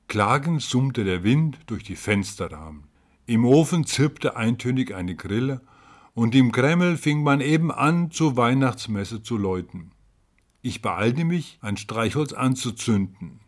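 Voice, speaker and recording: Brief: male storyteller, mid-pitched, theatrical reading of a ghost tale. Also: lively intonation, unhurried. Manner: dramatic, rising to cries at tense moments. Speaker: narrator.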